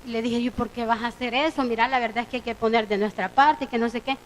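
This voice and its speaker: A woman's voice: on the high side, fast, slight background noise, low-quality recording. A woman with a Salvadoran Spanish accent preaching a sermon, retelling conversations as she goes. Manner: storytelling, quoting conversations with lively voicing. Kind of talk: sermon with retold dialogue. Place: church.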